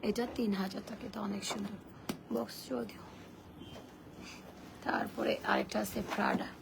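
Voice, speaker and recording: A woman with a hoarse voice, worn from shouting, chatting bluntly as she sells bags and sandals on a live stream and reads viewer comments aloud. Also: mid-range voice, level tone, moderate pace. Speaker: online seller hosting a live sale. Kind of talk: casual live-stream selling. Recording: noisy live-stream audio.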